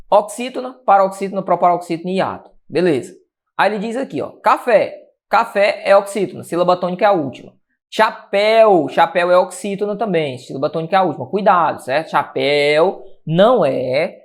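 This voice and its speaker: A man teaching an exam-prep grammar lesson, energetic, asking and answering his own questions. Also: sits high. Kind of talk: lively exam-prep lecture.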